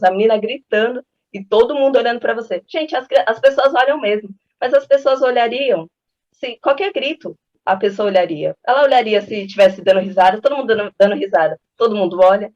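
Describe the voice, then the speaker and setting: Fast-talking chatty woman telling parenting stories. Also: medium pitch, muffled recording. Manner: chatty, storytelling, acts out quoted dialogue. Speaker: parenting channel host. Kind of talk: casual advice talk with anecdotes.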